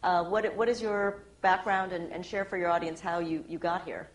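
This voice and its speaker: Low-voiced woman moderating in a hall. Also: steady tone. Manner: polite, halting questions. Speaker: panel moderator. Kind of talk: moderating a panel. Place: conference hall. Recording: echoey hall, faint noise.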